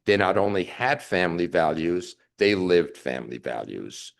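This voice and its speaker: A man's voice: low-pitched, very animated, gravelly. A man in his sixties giving an emotional, wry eulogy for his mother at a funeral service. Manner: emotional, wry, measured delivery. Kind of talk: memorial eulogy.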